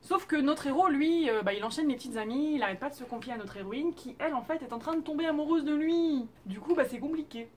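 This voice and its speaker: A young woman with a high, bright-sounding voice talks through her picks in a relaxed, chatty vlog manner, dropping playful asides and fillers as she goes. A faint hiss of noise sits under the recording. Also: fast talker, hardly any pauses. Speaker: YouTube host reviewing Korean dramas. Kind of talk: casual vlog recommendations.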